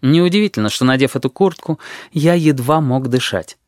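A man reading an audiobook in the first person, telling the story in a measured, even way. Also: medium pitch, dry recording. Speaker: audiobook narrator.

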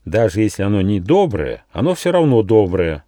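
A kindly, fussy little gnome, voiced by a man reading a fairy tale lectures in a raised, lively tone. His voice stays warm and dark with a dry, close sound. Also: lowish voice, moderate pace, dry recording. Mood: cheerful, lecturing. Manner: orderly, lecturing.

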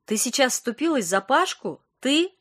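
A woman's voice: high-pitched, very animated, normal speed, fairly bright tone, pitched above the performer's own voice, heavily acted. A woman reading an audiobook, voicing a sleepy young female friend who teases in a sardonic, grumpy way. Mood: teasing.

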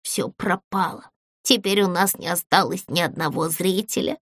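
A woman's voice: sits high, animated, measured pace, fairly bright tone, dry recording, studio quality, voice pushed up. Woman playing Bryaklya, emotional bird-doll. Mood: despairing. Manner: emotional, cries out. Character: excitable little bird-doll girl Bryaklya.

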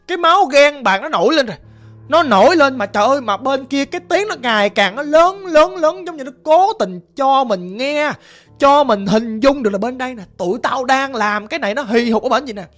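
Speaking with a Southern Vietnamese accent and an extremely high pitch, a man tells a ghost story, chatty and animated, talking directly to his listeners.

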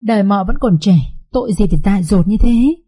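A woman voicing a young servant girl who wails and pleads loudly in a shrill, raised voice. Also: fast talker, slightly rough, natural voice. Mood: panicked wailing. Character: young frantic servant girl, loud and tearful.

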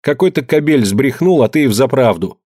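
A man reading a story, voicing a defiant young peasant woman who answers with sharp, biting retorts. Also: mid-range voice, lively intonation, moderate pace, breathy edge, no room sound, clean studio sound, voice pushed up.

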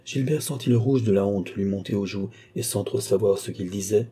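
A man narrates a classic novel in steady, even storytelling. His voice is very dark and mellow. A husky grain runs through every sentence. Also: lowish voice, a little fast. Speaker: audiobook narrator. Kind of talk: scripted narration.

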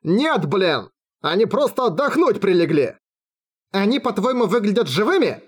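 A man's voice: a little high, very animated, brisk, slightly rough. A man voicing a cocky young sorceress who threatens a prisoner with teasing, coldly sweet menace in an audiobook. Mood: mock menacing.

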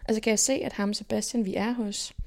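A young woman from Denmark, telling stories from her life as an interview guest in a lively way and acting out what people said. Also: medium pitch, vocal fry. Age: young adult. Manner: lively, animated retelling with quoted inner speech. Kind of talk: casual personal storytelling.

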